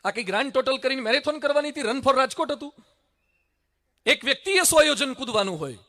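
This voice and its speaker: High bright-voiced man telling stories on stage. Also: lively intonation, fast. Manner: dramatic, swinging from loud to hushed. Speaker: public speaker. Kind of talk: stage speech with storytelling. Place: stage at a public event.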